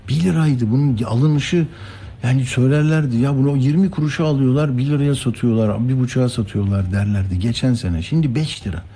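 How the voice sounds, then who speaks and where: A man's voice: mid-range voice, a little fast, warm tone, breathy edge. A man hosting a news show, giving informal, rambling conversational commentary.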